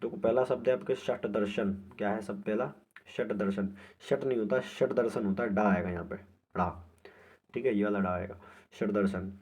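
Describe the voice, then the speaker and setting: A man's voice: fairly low pitch, fairly even intonation, normal speed, a little mellow, slightly rough. A man teaching an exam-prep spelling lesson, repeating each word and answer over and over. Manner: repetitive, drills each word aloud.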